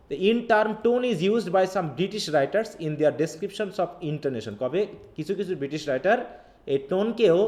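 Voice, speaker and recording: A man leads a live online class, reading from a text and then explaining it. His voice is mellow and dark, pitched a little high for a man. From Bangladesh. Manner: reads English lines from a text, then explains them in Bengali. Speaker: English literature teacher.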